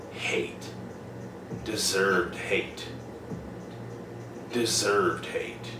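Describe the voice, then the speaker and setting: A young man talks bluntly to the camera, swearing freely and hammering his points home by repeating them. His voice sits low. It reaches the mic from a distance in a roomy space with clear background noise. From Prince Edward Island, Canada. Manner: blunt, profane, emphatic repetition. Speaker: vlogger. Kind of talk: casual monologue to camera.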